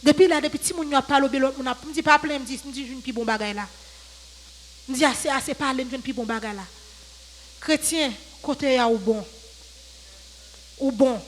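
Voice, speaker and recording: A woman's voice: sits high, normal speed, pauses often, a little hiss or hum, poor audio. A woman with a Haitian accent giving a fervent, repetitive sermon exhortation to a church congregation. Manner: fervent, repetitive preaching with call-outs to the congregation. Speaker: church speaker.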